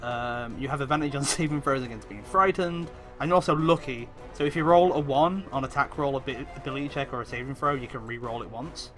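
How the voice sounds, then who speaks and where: A man's voice: mid-range voice, a little fast, few pauses, a bit bright, faint music behind. A man running a tabletop game as game master, narrating the action in a hesitant, apologetic way, full of fillers and restarts.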